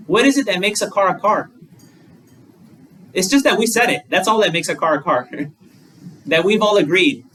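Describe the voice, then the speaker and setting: A male Buddhist monk speaks in a high-pitched, fairly bright voice, giving a dharma talk in a chatty style with ordinary examples and rhetorical questions. Faint room noise is audible, as the mic sits at a distance.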